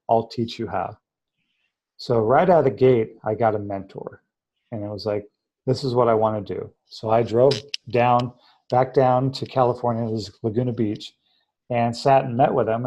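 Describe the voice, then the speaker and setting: A man speaks earnestly in a relaxed interview, telling a long personal story. His voice is dark and mellow. He slips into the voices of the people he quotes as he goes. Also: medium pitch. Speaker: interview guest, treatment center founder.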